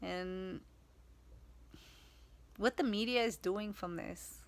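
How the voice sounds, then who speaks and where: A woman whose first language is Hebrew, talking in a casual spiritual vlog and often pausing to search for words. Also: medium pitch. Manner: slow, searching for words, many fillers and restarts. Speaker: vlogger.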